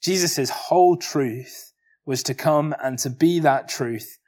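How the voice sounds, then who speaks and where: Earnest preacher, fairly high voice. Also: male voice, darkish tone. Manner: earnest, measured, uses rhetorical questions. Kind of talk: expository sermon.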